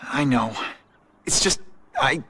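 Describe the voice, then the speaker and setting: An American man playing a guilt-ridden, determined young superhero in a dramatic video game, with a slightly rough edge to his voice. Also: mid-range voice, expressive, slow, bright, forceful tone, a little hiss or hum, exaggerated voice. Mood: guilty, confessional. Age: young adult.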